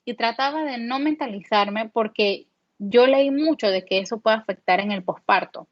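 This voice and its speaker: A young Panamanian mother with a Panamanian Spanish accent guests on a podcast, candidly retelling a personal story with plenty of fillers. Her voice is fairly high and at normal speed. The audio is dull, dry and lo-fi, with no echo.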